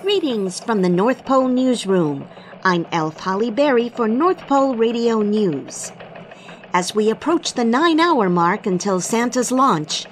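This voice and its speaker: A woman's voice: mid-range voice, slight background noise, lightly acted. A woman playing an earnest Christmas elf who anchors a scripted radio newscast. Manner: earnest, newsreader delivery. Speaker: news anchor.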